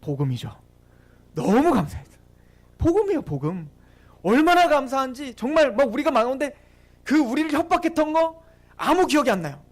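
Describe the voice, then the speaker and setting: A male pastor tells a story in his sermon, often turning to the congregation with questions. His voice sits high and moves through a very lively range. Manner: animated, addresses the congregation with questions.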